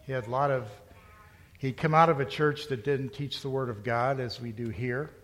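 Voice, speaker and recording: A man's voice: mid-range voice, steady tone, moderate pace, a bit bright. A middle-aged male pastor preaching a sermon in a conversational storytelling way, rising to emphatic points. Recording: long hall reverb.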